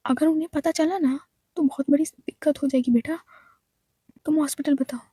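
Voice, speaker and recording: A woman's voice: sits high, steady tone, moderate pace, dark tone, dry recording, studio quality, lightly acted. A woman voicing an anxious middle-aged mother who fires off worried questions in a storybook reading.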